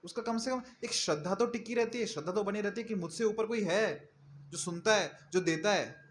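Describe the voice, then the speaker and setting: A man's voice: high-pitched, moderate pace, a little hiss or hum. A male preacher giving a sermon in a conversational manner, often asking his listeners questions. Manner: conversational, asks the audience questions.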